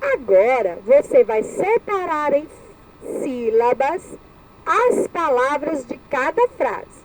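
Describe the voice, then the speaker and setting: A woman's voice: high voice, big pitch swings, slow, a little hiss or hum, low-quality recording. A woman with a Brazilian Portuguese accent teaching a recorded lesson to young children, sounding out words syllable by syllable and repeating each one. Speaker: primary school teacher.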